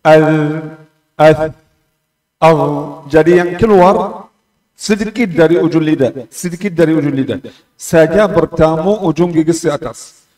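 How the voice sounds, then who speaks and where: A man teaching Quran pronunciation, explaining calmly and drawing out syllables again and again to demonstrate them. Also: on the high side. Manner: slow and patient, repeating letters and syllables to demonstrate pronunciation. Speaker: tajwid teacher. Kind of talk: Quran recitation lesson. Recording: roomy echo, distant mic.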